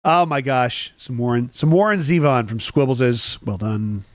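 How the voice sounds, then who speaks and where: Against a noisy background, a male host runs a casual morning chat stream, rambling through stories and joking as he reads viewer comments aloud. He speaks at normal speed in a mid-range voice.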